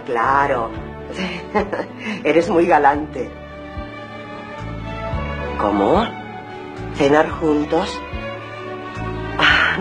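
A haughty rich mother. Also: lowish voice. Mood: coquettish. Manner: bossy on the phone, then coquettish. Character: wealthy imperious mother, flirtatious on the phone. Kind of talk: 1990s TV comedy acting.

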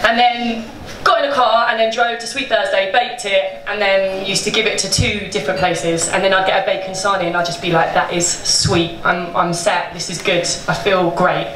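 A woman's voice: medium pitch, fairly even intonation, normal speed, hardly any pauses. Chatty woman swearing on stage. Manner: chatty, swears freely, laughs through her words. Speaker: bakery co-owner telling its story. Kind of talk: casual storytelling on stage. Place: small indoor event space with a seated audience. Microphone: handheld microphone. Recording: roomy live-event sound, picked up from a distance, with room noise.

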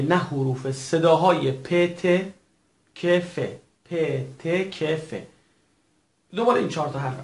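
Man, language teacher, formal and patient, slow repetition, gravelly, echoey room. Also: fairly high pitch. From Iran. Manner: formal, patient, repeats each word slowly for learners. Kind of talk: recorded language lesson.

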